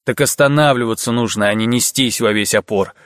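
A man reading an audiobook and voicing a grim, earnest young male soldier who speaks in a measured way. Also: mid-range voice, a bit bright, smooth, no room sound, studio quality, lightly acted.

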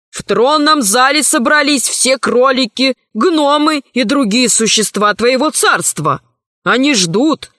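A stern, fussy grown-up man from a storybook, quick to scold, as a woman reads him. He speaks slowly in a dry, close sound. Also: high voice, fairly bright tone, no echo. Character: stern adult male director, fussy and scolding.

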